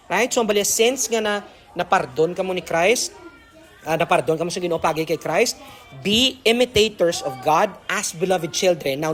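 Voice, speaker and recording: A young man preaching a devotional sermon, switching between languages and often asking his listeners if they follow. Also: high voice. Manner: code-switching, keeps checking in with listeners.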